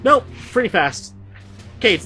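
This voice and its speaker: Male tabletop GM, playful narrator, bright, slightly high voice. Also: sing-song, unhurried, faint music behind. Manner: playful, laughs often. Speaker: game master.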